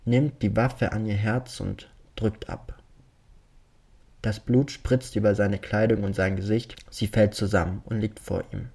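A man calmly narrating a dark story as a measured, scripted reading. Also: fairly low pitch.

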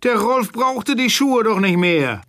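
A man's voice: high voice, sing-song, measured pace, fairly bright tone, no room sound, voice pushed up, exaggerated voice. A man voicing a middle-aged fan-turned-thief who pleads in a tearful, whiny voice. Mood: whining.

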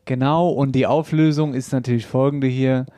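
Lively podcast host, dry studio. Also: male voice, mid-range voice, dry recording. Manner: lively, laughing, quick back-and-forth. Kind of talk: casual chat.

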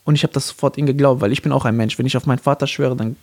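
A man co-hosting a talk podcast, telling a personal story in an animated way and acting out the voices of the people in it. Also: medium pitch, rapid-fire. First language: Arabic. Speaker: podcast co-host. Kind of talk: casual storytelling chat.

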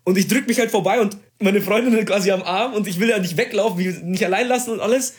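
A young man in casual chat, telling a story with excitement, slang and swearing. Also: high voice, fast.

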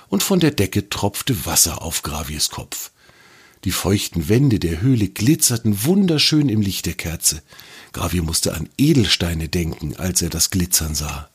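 A man narrating a children's story in an expressive, lively reading voice. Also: low voice, slightly rough.

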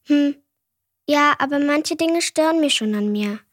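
A woman playing a shy young girl in a children's show who speaks softly and hesitantly. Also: high-pitched, measured pace. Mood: admiring.

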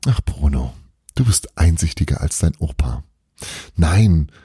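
A man's voice: rumbling low, animated, measured pace, dark tone, breathy edge, no room sound, studio quality, full character voice. A man voicing an exasperated, practical grown-up father who grumbles and sighs. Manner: grumbling, sighing.

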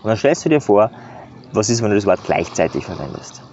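A man's voice: fairly low pitch, very animated, fairly quick, a little mellow, a little hiss or hum. A man giving earnest, casual coaching advice in a motivational monologue, often adding "ja". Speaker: self-improvement coach. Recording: slightly dull recording.

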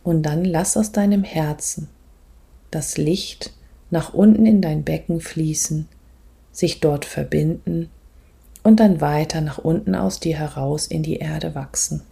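Low, very creaky woman's voice guiding meditation. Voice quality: husky, creaky, breathy at phrase ends. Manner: measured, gentle instructing with pauses. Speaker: spiritual coach and meditation guide. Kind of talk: guided meditation and reflective spiritual talk.

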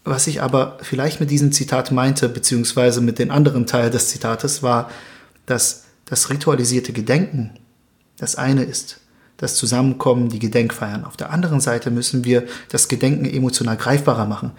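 A young man from Germany, speaking as an interview guest in a thoughtful, measured way with occasional hesitations. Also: medium pitch, steady tone, darkish tone. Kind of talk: earnest interview conversation.

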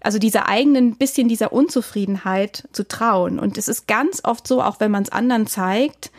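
A woman songwriter talks through her process in an interview, carefully and thoughtfully, reaching for examples as she goes. Her voice sits at an ordinary middle pitch. The sound is dry, with no room around it. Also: moderate pace, dry recording. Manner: thoughtful, explaining at length with examples. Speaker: songwriter and singer. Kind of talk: interview answer.

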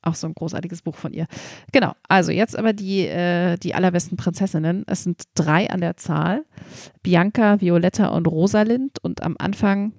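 Chatty woman with a warm, low voice. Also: moderate pace, gravelly, no echo, studio quality. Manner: chatty, many fillers and restarts. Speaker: podcast host recommending children's books. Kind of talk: casual podcast chat.

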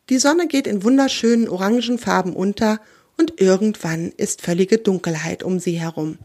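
A woman reading a children's story aloud in a gentle, expressive way. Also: mid-range voice.

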